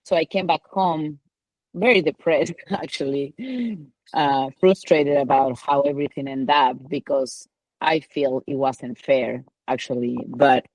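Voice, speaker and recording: A woman's voice: extremely low pitch, fairly even intonation, a little slow, darkish tone, dry recording, low-quality recording. A woman from Ecuador with a Spanish accent, a mountain guide telling her story in a casual interview, rambling with many "like" and "you know" fillers.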